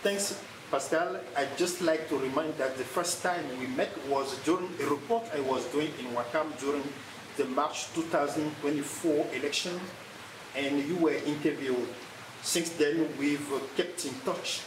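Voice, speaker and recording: A man hosting an interview, asking formal, slightly halting questions. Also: a little high. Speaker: interviewer, host. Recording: roomy room with clear ambient noise.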